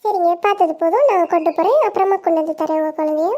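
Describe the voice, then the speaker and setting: A child playing a businesslike hospital nurse who gives brisk instructions. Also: extremely high pitch, dull audio.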